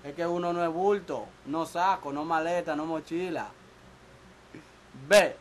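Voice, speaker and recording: A man's voice: on the high side, steady tone, measured pace, low-quality recording. A man who is a music producer, chatting casually and jokingly in a small recording studio, picked up by a camera mic. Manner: boastful, joking, slangy.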